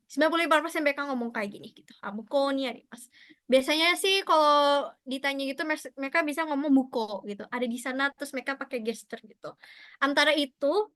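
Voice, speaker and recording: A woman teaching a language class online, chatty and encouraging, often cheering her students on with quick praise. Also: high voice, bright, forceful tone, dry recording, clean studio sound. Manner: chatty, encouraging, mixes in English and Japanese praise.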